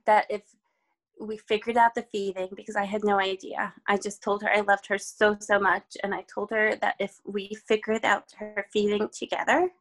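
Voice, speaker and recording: A woman's voice: mid-range voice, level tone, normal speed. Czech-born lady guest, middle voice, gets emotional, laughs a lot. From Czech Republic. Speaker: guest, physician and mother. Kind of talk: casual podcast conversation.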